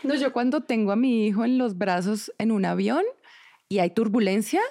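A woman's voice: fairly high pitch, mellow. A woman in her thirties with a Colombian accent, chatting casually as a podcast guest in a bubbly, self-mocking way. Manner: bubbly and self-mocking, quick, laughing often. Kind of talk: casual chat.

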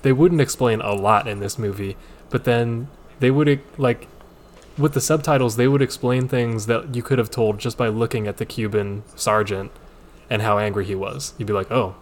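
A man's voice: medium pitch, steady tone, moderate pace, slight background noise. Man, mid-range voice, easygoing, analytical, light jokes, casual movie podcast. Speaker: podcast co-host. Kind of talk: casual movie-review chat.

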